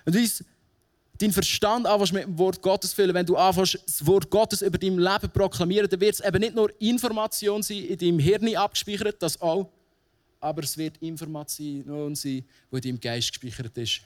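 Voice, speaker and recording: A pastor with a Swiss German accent preaches from a church stage. His voice sits high for a man, and he talks in a loose, chatty way, firing rhetorical questions at the congregation. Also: brisk. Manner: casual, conversational preaching with frequent rhetorical questions. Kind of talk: sermon.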